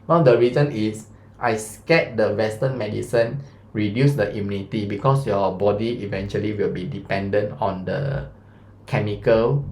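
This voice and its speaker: A science teacher in his thirties with a Malaysian English accent chats his way through a revision lesson, asking students questions and using "lah" and "mah." His lowish voice is a little mellow. The room is echoey with slight background noise.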